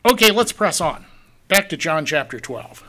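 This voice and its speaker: A man's voice: fairly high pitch, lively intonation, moderate pace, sharp tone. A man preaching a verse-by-verse sermon, asking the congregation rhetorical questions and drawing out key words for emphasis.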